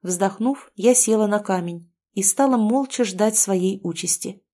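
A woman narrating a dark first-person story, her storytelling steady and expressive. Her voice sits at a middle pitch for a woman, neither high nor low. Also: measured pace. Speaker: audiobook narrator.

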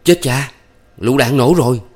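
A man's voice: on the low side, a little fast, lightly acted. A man reading a story, voicing a young village man who scolds and hurries his lover. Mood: worried. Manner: urgent, scolding.

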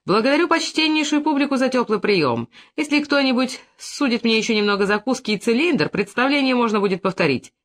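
A man's voice: very high-pitched, lively intonation, fairly quick, hardly any pauses, a bit bright, pitched above the performer's own voice. A man doing a drunk showboating young man. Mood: clowning. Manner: mock-grand, tipsy.

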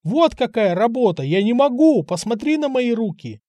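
A man voicing an excitable, boastful young man just back from the army, talking in an eager rush. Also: on the high side, no echo. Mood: hysterical. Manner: rushed, eager to prove himself.

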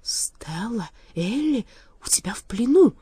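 A woman's voice: medium pitch, big pitch swings, brisk, mellow, breathy edge, no room sound. A woman reading a storybook aloud, voicing a stubborn, agitated male straw scarecrow held captive. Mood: bewildered.

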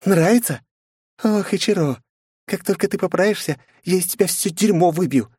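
Man doing a haughty young princess, high raised voice, snapping and threatening, possessive, audiobook character, dry sound. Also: moderate pace, a little mellow, slightly rough, no room sound. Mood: furious, threatening. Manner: snapping, scolding, menacing.

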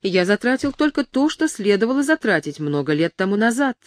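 A woman doing a patient, gentle young son. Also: medium pitch, very animated, brisk, no echo, studio quality, voice pushed up, natural voice. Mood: reasoning. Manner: gentle, soothing, persuasive. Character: patient young adult son, calm and reasoning.

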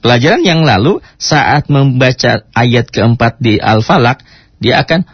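A man teaching Quran recitation, chatting casually and breaking into slow chanted demonstrations. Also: mid-range voice, expressive, breathy edge, no room sound. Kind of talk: tajwid lesson with recited demonstrations. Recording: dry, dull lo-fi radio recording.

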